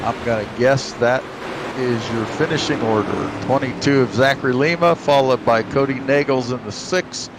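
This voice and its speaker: A man giving race color commentary at a middle pitch. He sounds relaxed and a little hesitant, often pausing on fillers. A faint noise runs behind him.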